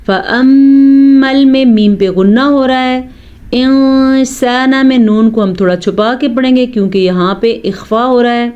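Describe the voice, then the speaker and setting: A woman teaching tajweed. She explains each rule step by step and recites the verses slowly with long, melodic vowels. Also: fairly high pitch, darkish tone, smooth, lo-fi sound. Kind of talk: tajweed lesson.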